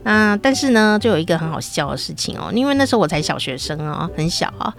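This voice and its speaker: A woman's voice: lowish voice, sing-song, fast, vocal fry, faint music behind. A middle-aged woman telling a comic personal story in a chatty, playful way, with many sentence-final particles. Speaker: storyteller host.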